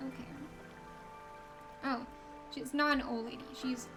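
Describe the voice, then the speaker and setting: A woman's voice: high-pitched, steady tone, a little slow, music in the background. A woman giving casual let's play commentary as she plays a video game. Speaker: gamer playing and commenting.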